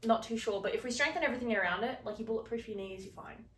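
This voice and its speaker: A young woman co-hosting a podcast in casual chat, talking in quick asides and laughing easily. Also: fairly high pitch, fairly bright tone. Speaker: podcast co-host. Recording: echoey room, voice distant from mic.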